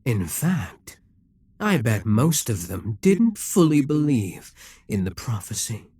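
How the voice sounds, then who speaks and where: A man voicing an immortal, scheming and possessive demon king in an audio roleplay, speaking in a measured, persuasive way with quiet whispered asides. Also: mid-range voice, very animated, breathy edge, no room sound, full character voice.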